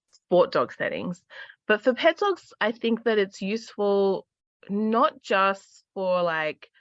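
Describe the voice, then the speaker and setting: A woman's voice: low voice, fairly bright tone, dry recording, dull audio. A woman dog trainer explaining things in a casual chat, confident and often checking in with "right?".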